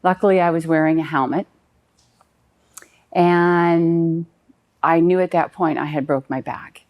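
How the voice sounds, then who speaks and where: A woman's voice: low-pitched, fairly even intonation, measured pace, highs cut off. A woman in her fifties telling a personal story in an earnest, detailed and slightly rambling way. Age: 50s. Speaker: client giving a testimonial.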